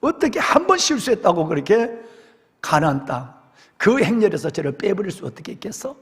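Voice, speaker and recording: A grumbling, indignant crowd of ancient people, put on by a male preacher. The voice swings widely in pitch as the complaints pile up. It rings through a long church reverb. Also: big pitch swings, brisk.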